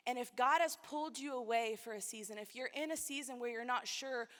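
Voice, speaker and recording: A woman's voice: on the high side, fairly quick, a bit bright. A woman preaching a sermon to a conference, emotional and close to tears at times. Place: large church hall. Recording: long church hall reverb.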